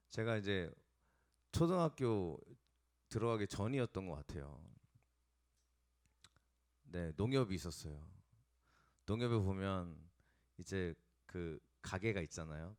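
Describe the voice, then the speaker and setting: A male pastor preaching a sermon and telling a lively story from his own childhood, acting out the voices of the people in it. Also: low-pitched, slow, pauses often. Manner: animated storytelling, acts out quoted voices. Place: church sanctuary.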